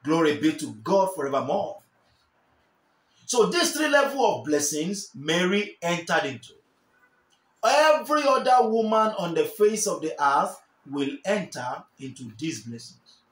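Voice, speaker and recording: A man's voice: on the high side, sing-song, unhurried, fairly bright tone, reverberant. A young man with a Nigerian English accent preaching a sermon to camera, fervent and repeating key phrases for emphasis. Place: small indoor room, seated in armchair.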